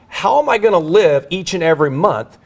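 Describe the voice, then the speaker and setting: A man's voice: high-pitched, sing-song, brisk. A man hosting a financial advice show, coaching viewers on retirement planning in an earnest, conversational way.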